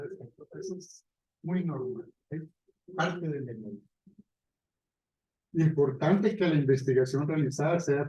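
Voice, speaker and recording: A man's voice: on the high side, warm tone. Man lecturing in an echoey room. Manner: conversational, asks "¿verdad?" often. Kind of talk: university lecture.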